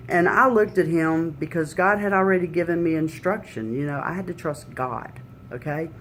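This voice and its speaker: A middle-aged woman recounts her faith testimony in a plain, conversational way. She retells past conversations earnestly and often adds "you know". A faint low rumble sits in the background. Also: normal speed, a bit bright. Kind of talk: personal faith testimony storytelling.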